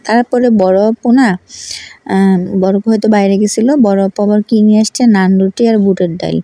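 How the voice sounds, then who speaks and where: A woman's voice: medium pitch, steady tone, fairly quick, mellow, no room sound. A woman vlogger from Rangpur, Bangladesh, chatting in a casual, rambling voice-over and often correcting herself.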